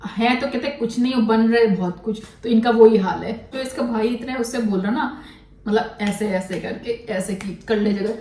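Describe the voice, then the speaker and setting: Woman vlogger, fairly high voice, scolding and opinionated, recorded in an echoey room away from the mic. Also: moderate pace, darkish tone, far from the mic. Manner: blunt, scolding, mixes English words into Hindi. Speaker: commentary vlogger. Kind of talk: critical commentary on a controversy.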